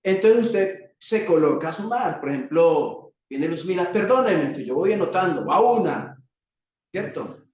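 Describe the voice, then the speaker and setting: A man with a Colombian accent preaching a sermon, asking rhetorical questions and leaning on dramatic pauses. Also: fairly high pitch, expressive, darkish tone. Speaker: pastor. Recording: echoey hall, distant dull mic.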